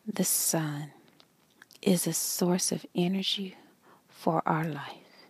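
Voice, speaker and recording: Slow whispering meditation guide, a woman. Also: on the low side, steady tone, slightly rough. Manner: slow soft whispering, long pauses.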